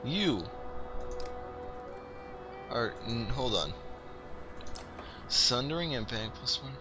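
This gaming video host is a young man with a medium-pitched, expressive voice, speaking extremely slowly on a muffled recording. He wryly shouts playful commands at the characters in a casual let's-play while chiptune music and a running shower sound behind him.

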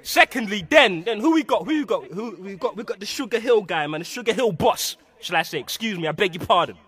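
Bright, high-voiced mocking man. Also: animated, fast, husky. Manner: loud, mocking, stammering. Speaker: rapper. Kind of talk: diss skit.

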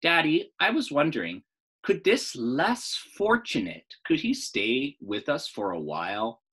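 A man's voice: fairly high pitch, wildly swooping pitch, measured pace, bright, forceful tone, breathy edge, pitched above the performer's own voice, exaggerated voice. A man reading the lines of an earnest young girl in a storybook, polite and insistent. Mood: pleading. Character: earnest, pleading young girl, preacher's daughter.

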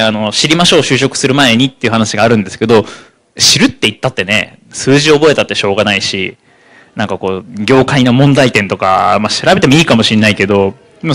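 A man giving a psychology seminar talk, speaking rapidly and slowing down for key points. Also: mid-range voice. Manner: rapid, animated delivery that slows for key points. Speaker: lecturer on psychology.

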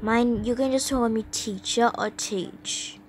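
A woman's voice: fairly high pitch, steady tone, slow, slight background noise. A woman voicing a matter-of-fact female schoolteacher giving instructions. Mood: questioning. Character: brisk adult female schoolteacher.

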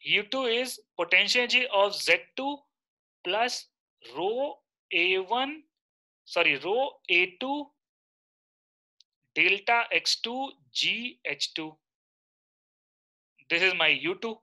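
A man's voice: high-pitched, expressive, slow pace, long pauses, bright, forceful tone. A man in his thirties with an Indian accent, teaching a live online lecture and often checking in with short questions.

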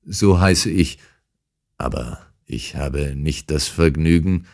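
A man voicing a calm, unshakable detective in an audiobook, speaking with dry irony. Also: a bass voice, takes it slowly, full character voice. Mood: calm, ironic. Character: calm, ironic adult male detective. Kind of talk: audiobook character reading.

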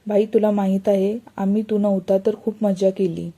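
An eager, playful younger brother from a storybook, read by a woman in her own voice. The tone sits very dark and mellow, with a husky breath in it. He talks earnestly and slips English words in. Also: mid-range voice, little pitch movement, normal speed, lightly acted. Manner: eager, mixes English into his talk. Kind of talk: storybook reading.

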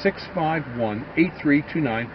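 Steady man pitching outdoors. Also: unhurried, muffled recording, background noise. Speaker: farm grower. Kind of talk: casual promotional walkthrough.

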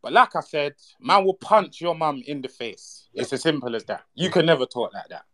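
High-pitched confrontational young man. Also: expressive, moderate pace, fairly bright tone, dry recording, studio quality. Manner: confrontational, repetitive threats, talks over others. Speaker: guest. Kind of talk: heated casual banter.

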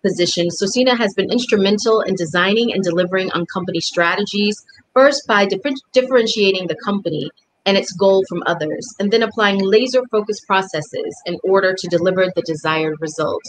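A middle-aged woman hosting an online interview series, friendly and quick to laugh, on a video call. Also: mid-range voice, poor audio. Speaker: host.

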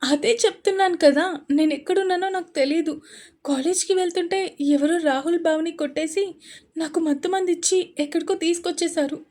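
A woman's voice: high voice, mellow, pitched above the performer's own voice, natural voice. A woman voicing a frightened young woman, tearful and pleading. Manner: pleading, shaky.

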